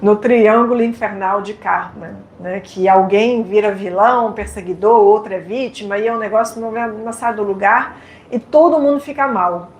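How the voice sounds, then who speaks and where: A French woman with a French accent gives a live lecture in a lecture hall, speaking directly and playfully and questioning her audience. Her voice is medium-pitched at a normal speed, and the recording is echoey with faint noise.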